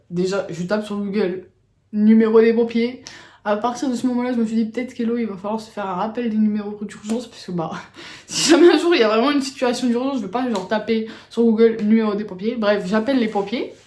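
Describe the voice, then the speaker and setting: A woman's voice: fairly high pitch, a little fast, darkish tone. A woman vlogger telling a story in a casual, slangy, rambling way. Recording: roomy echo.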